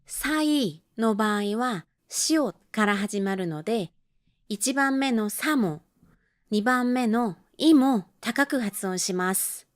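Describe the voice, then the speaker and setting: Slow, careful female language teacher. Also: a little high, lively intonation, no echo, studio quality. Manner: slow, careful model pronunciation with repetitions. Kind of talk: scripted language lesson.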